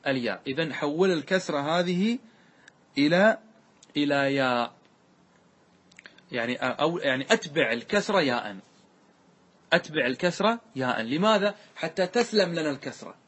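A sheikh, a man, teaches classical grammar in a slightly high, husky voice. He walks through each rule step by step and keeps checking that his listeners are following. When he recites example words, he draws them out slowly. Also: animated, a bit bright. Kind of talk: classical Arabic grammar lesson.

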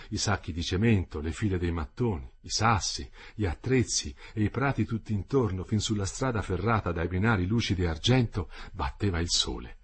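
A man narrating a novel aloud with a husky, slightly breathy voice. His intonation moves a lot, rising and falling through the long sentences in a measured, literary delivery. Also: fairly low pitch. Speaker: audiobook reader.

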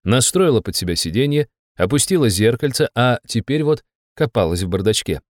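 A man narrating an audiobook in a lively, wry manner. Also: mid-range voice, fairly quick, no echo, studio quality.

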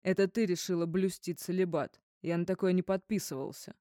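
A woman's voice: on the low side, fairly even intonation, a little fast, warm tone, dry recording, clean studio sound, close to an everyday voice. A woman voicing a drunk, jealous man who barks threats in an audiobook. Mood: jealous rage. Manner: barking, threatening.

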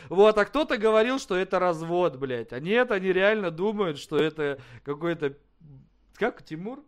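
A man's voice: high voice, lively intonation, normal speed, no echo. A man making a prank phone call, mocking and swearing at the people on the line. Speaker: prank caller.

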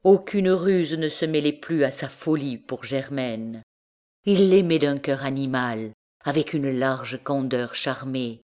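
A woman narrating a classic novel as an audiobook, reading in a slow, measured way. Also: a bass voice, darkish tone. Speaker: audiobook reader.

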